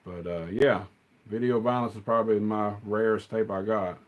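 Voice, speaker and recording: A man's voice: fairly low pitch, steady tone, moderate pace, dull audio. A middle-aged man, hosting a rambling, casual live stream chat and answering the chat as he goes.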